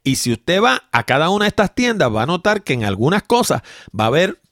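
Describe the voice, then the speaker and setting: A man's voice: fairly high pitch, big pitch swings, a little fast, fairly bright tone, no room sound, studio quality. A man hosting a tech podcast, explaining a point at length and stopping now and then to correct himself. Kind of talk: podcast monologue.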